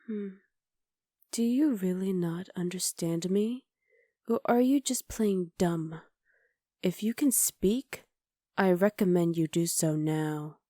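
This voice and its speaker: Performing a powerful, haughty witch, a woman uses a low, dark, mellow voice and speaks softly and formally. Her tone is imperious and coaxing, carrying a measured menace. The recording is dry and intimate, ASMR-style.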